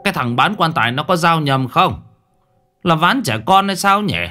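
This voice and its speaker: Brief: man playing a cranky old man griping fast and loud, for a spoken ghost story. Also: low-pitched, very animated, soft background music, exaggerated voice. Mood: exasperated. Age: older. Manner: grumbling, exasperated. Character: irritable old clansman scolding about a coffin.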